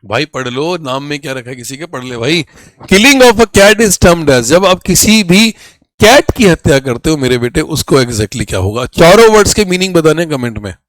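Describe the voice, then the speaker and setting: A hoarse man with a higher voice, teaching an exam vocabulary class and reading words. He talks to the students as if they were his own children and drills them with quick questions that he answers himself. The sound is dry and close. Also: animated, no room sound. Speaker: English teacher for competitive exams. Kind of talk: Hindi exam-prep vocabulary lesson.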